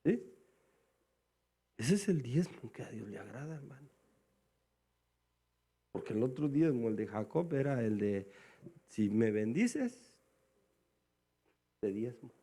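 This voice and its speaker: A male pastor preaching a sermon. He keeps calling his listeners "brother" and swings between quiet, low asides and loud, high exclamations. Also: lively intonation, a little slow, long pauses, breathy edge. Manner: calls the congregation "hermano" again and again.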